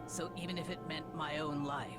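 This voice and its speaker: A woman voicing a stoic, honorable female martial artist from a video game, grave, measured and formal. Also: low-pitched, steady tone, over loud music, voice pushed down, lightly acted. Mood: solemn, regretful. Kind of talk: video game character read-aloud.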